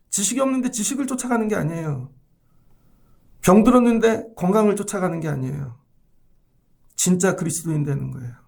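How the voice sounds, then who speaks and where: A man preaching a sermon in a high, gravelly voice with a rough edge. He talks emphatically and keeps throwing rhetorical questions at his listeners. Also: darkish tone. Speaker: pastor.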